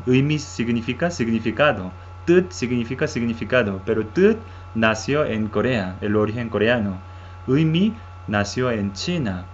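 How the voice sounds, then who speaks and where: A man whose first language is Korean, teaching a language lesson in Spanish with a halting style, repeating words and often checking "¿sí?". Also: medium pitch, highs cut off, a little hiss or hum.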